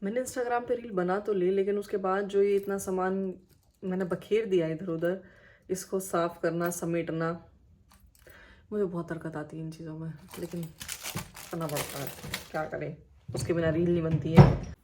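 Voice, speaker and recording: A woman's voice: lowish voice, fairly even intonation, moderate pace, noisy background. A young woman from India chatting casually to her phone camera at home as she gets ready, as a mother vlogging her day. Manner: chatty, talks to camera while getting ready. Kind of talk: casual home vlog narration. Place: home, indoors.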